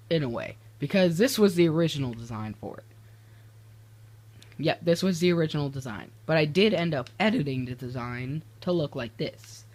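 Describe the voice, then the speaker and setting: A teenage boy casually commenting on his game builds, rambling and restarting his sentences, easily exasperated. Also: fairly high pitch. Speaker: gaming video creator.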